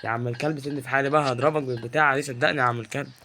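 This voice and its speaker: Fast-talking Egyptian gamer, a touch higher-pitched, teasing and excitable, with steady clicking noise behind him. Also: male voice. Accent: Egyptian Arabic. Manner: excitable and teasing, yells at game characters. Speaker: gaming YouTuber. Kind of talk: live gameplay commentary.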